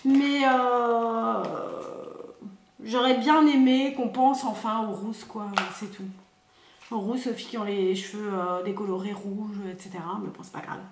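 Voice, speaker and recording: A woman's voice: a little high, fairly even intonation, a little slow, echoey room, slight background noise. A woman, chatting through a makeup unboxing, thinking aloud with many fillers. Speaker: beauty vlogger. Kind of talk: casual product unboxing and swatching.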